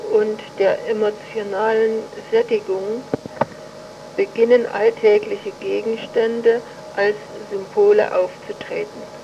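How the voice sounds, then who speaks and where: A woman slowly dictating an academic text, in a measured way and reading punctuation marks aloud. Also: fairly high pitch, background noise. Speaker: dictation reader. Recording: muffled lo-fi recording.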